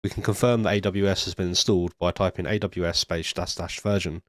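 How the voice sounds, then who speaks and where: A low-pitched man talks through a coding tutorial in steady, step-by-step fashion, now and then stopping on an um. He is ill, so his voice comes out nasal and stuffy. The sound is close and dry, with no room around it. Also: brisk, no room sound. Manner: steady step-by-step explaining with occasional ums. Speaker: tutorial presenter. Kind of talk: screen-recorded coding tutorial narration. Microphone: studio USB microphone.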